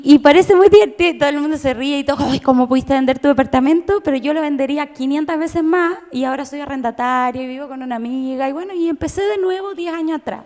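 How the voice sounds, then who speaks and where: A Chilean woman in her thirties telling her own story at a conference, emotional and animated, with many restarts. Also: high-pitched. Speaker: conference speaker. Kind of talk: personal testimony talk. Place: church. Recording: long reverb of a church hall.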